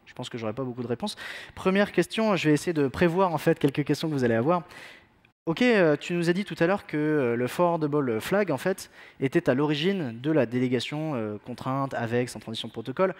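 A man giving a technical conference talk in a self-mocking, joking way, with many fillers. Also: medium pitch. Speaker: conference speaker.

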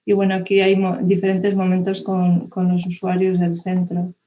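Middle-aged woman, lowish mellow voice, hesitant presenter, muffled video call audio. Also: monotone, normal speed. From Spain. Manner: hesitant, many fillers and restarts. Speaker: conference speaker. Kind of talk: online presentation talk. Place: room indoors, video call.

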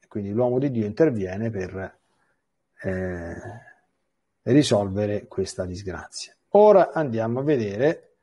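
A man, a priest, teaching a biblical catechesis, reading scripture aloud and commenting on it in an animated, digressive way with stammered restarts. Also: on the low side, husky.

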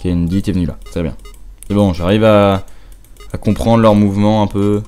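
Low-voiced young gamer over game music. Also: male voice, fairly even intonation, moderate pace, darkish tone, smooth. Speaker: gamer commenting on own play. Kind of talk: casual let's play commentary.

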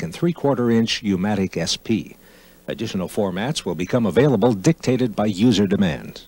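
A man reading scripted documentary narration for a 1992 computer facility tour video, in an even, informative delivery. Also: lowish voice, breathy edge. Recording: 1992 archival video voice-over.

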